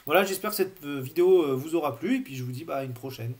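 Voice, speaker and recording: A man's voice: a little high, quick pace, darkish tone. A man explaining bridge card play in an unscripted lesson, hesitant, with many fillers and restarts. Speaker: bridge teacher.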